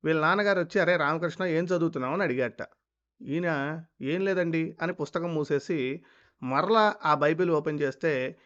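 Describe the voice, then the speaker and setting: A man's voice: fairly high pitch, a bit bright. Scornful male commentator, dull lo-fi sound. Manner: scornful, indignant, rhetorical questions. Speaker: commentator rebutting a clip. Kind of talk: critical commentary.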